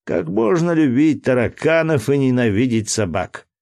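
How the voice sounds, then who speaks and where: A man reading aloud, voicing a calm ship's captain who speaks in a slow, measured and gently mocking way. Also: medium pitch, creaky, pitched above the performer's own voice. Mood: dry, measured. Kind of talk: audiobook character voice.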